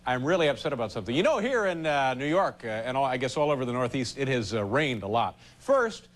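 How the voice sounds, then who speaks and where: Wry late-night host with a lively voice. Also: male voice, medium pitch. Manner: wry, halting storytelling with deadpan punchlines. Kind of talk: comic monologue and stunt banter. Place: TV studio and building hallways. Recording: broadcast with loud studio audience and background noise.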